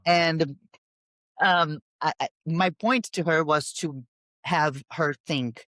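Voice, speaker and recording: Woman, podcast host, emphatic and animated, stumbles and restarts, dead dry sound. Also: deep voice, slow, dry recording. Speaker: podcast host and bodybuilding coach. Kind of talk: casual podcast conversation.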